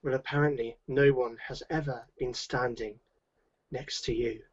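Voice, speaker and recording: A man's voice: mid-range voice, steady tone, moderate pace, breathy edge, dull audio. A man, a youth pastor, hosting a playful game show over a video call, teasing the others and handing out points. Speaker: youth pastor, stream host. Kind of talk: casual group chat, game hosting.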